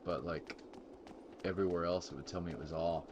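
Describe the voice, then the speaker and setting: A man's voice: deep voice, steady tone, a little fast, muffled recording, background noise. A man streaming a game live, rambling casually and thinking aloud with sudden exclamations. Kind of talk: casual gameplay commentary.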